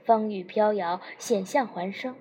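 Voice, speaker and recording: A woman narrating a novel as an audiobook in an even storytelling manner. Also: mid-range voice, measured pace, breathy edge.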